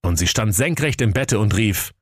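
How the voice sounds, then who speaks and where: A man's voice: lowish voice, lively intonation, normal speed, slightly rough, no room sound. A man narrating a comic fairy tale in a dry, playful storytelling manner.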